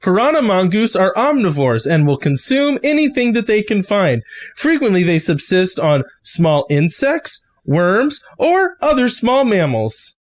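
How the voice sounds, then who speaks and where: Game master doing a male guide robot, stiff formal recital, a bit higher, tabletop game. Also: very animated, measured pace.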